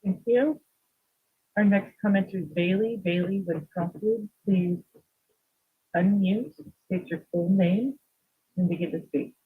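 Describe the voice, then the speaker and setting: A woman clerk briskly calling public commenters in a formulaic, businesslike way, heard over degraded streaming audio that sounds thin and breaks up. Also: medium pitch, husky. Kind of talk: reading procedural announcements. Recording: muffled, phone-like lo-fi stream audio.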